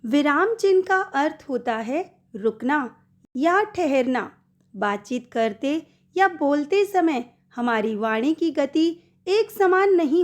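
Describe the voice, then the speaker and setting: A middle-aged woman teaching a Hindi grammar lesson to schoolchildren, speaking some examples in an animated voice. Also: high-pitched. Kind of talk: slow recorded classroom lesson.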